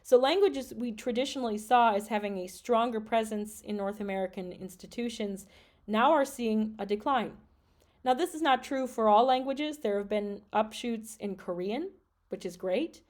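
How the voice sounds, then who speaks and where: A woman from Michigan, a French teacher, hosts a solo podcast in a voice on the high side at a moderate pace. She earnestly works through her concerns about education and reads out statistics.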